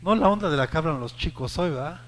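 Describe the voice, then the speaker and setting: A man, a pastor with a Mexican Spanish accent, preaching a sermon to his congregation, rising to shouted peaks and acting out the voices he quotes. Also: on the high side, lively intonation, fast, in a large hall. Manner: addresses the congregation directly with call-and-response prompts.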